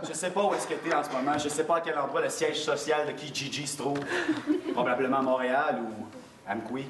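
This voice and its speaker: A man's voice: medium pitch, steady tone, brisk, close to an everyday voice. A man playing an ardent, devoted suitor in melodramatic improv comedy, with a Quebec French accent. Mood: romantic. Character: ardent, devoted grown suitor Samuel reunited with sweetheart. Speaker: improv player. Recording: echoey hall, distant mic, loud noise.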